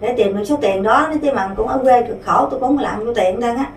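Fast-talking woman in her fifties. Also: a little high, distant mic. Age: 50s. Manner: rambling, many fillers and restarts. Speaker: interviewee. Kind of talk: casual spoken complaint. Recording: roomy, off-mic, faint background noise.

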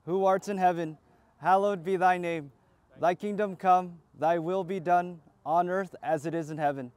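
A man, a priest, reciting the prayers of a graveside funeral rite in a measured liturgical cadence. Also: high voice, darkish tone, no echo.

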